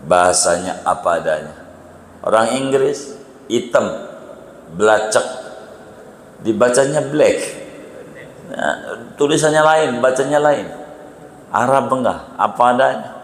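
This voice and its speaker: A man preaching at a mosque study session, lecturing and repeating key words, often leaping higher for emphasis. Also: animated, measured pace, a little hiss or hum. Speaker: Islamic preacher. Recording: echoey hall reverb.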